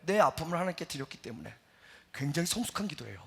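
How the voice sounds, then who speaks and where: A middle-aged man preaching a sermon as a pastor, telling a story with lively acted-out quotes. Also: fairly high pitch, quick pace, vocal fry, husky. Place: church sanctuary. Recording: church hall reverb.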